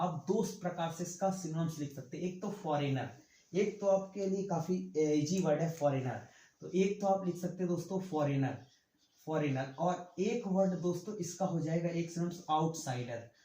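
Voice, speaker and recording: A man's voice: fairly high pitch, warm tone, echoey room, low-quality recording. A male English vocabulary teacher giving an online exam-prep lesson. He writes on a board as he talks, repeats each word and keeps calling the listeners "friends". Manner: talks while writing on a board.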